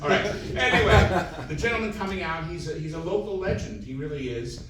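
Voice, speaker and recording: A male emcee gives a casual, halting, joking introduction at a comedy show. His voice is high and swings up and down in pitch. The sound is distant and very echoey. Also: lively intonation, over a noisy crowd. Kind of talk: casual comic stage introduction. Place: echoey live venue with an audience. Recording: very echoey noisy room, distant mic.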